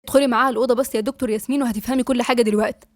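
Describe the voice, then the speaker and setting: Woman reading calm young man, reassuring, Egyptian Arabic accent, very fast, dry sound. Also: high-pitched, dry recording.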